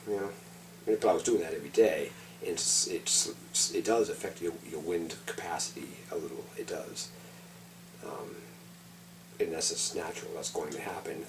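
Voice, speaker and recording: A middle-aged man with a deep voice rambles in a laid-back stoner manner. His talk is loose, casual and full of swearing, like an off-the-cuff personal vlog. The mic sits at a distance, with a faint noisy hum behind him. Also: darkish tone.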